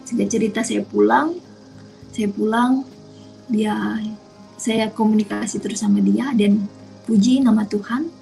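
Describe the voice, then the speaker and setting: A woman's voice: medium pitch, steady tone, a little slow, vocal fry, pauses often, warm tone, soft background music, poor audio. A woman telling a personal testimony, earnestly retelling conversations as quoted dialogue. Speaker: testimony speaker.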